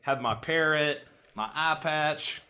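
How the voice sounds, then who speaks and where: Male podcast host, bright voice, jokey, laughs a lot. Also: on the high side, takes it slowly. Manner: upbeat, laughs often, jokey. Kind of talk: casual podcast chat.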